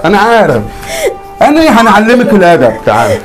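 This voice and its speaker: Cartoon heavy: man doing a slurred, menacing Egyptian drunk husband, high-pitched and rapid, over background music. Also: huge pitch swings. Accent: Egyptian Arabic. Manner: slurred, threatening, taunting. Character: drunk, bullying husband and father, grown man.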